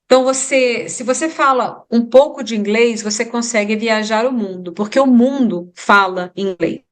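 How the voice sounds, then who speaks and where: Here an English teacher from Brazil, with a Brazilian Portuguese accent, advises in an interview at normal speed. Her voice is on the high side, and she stresses her points emphatically through repetition.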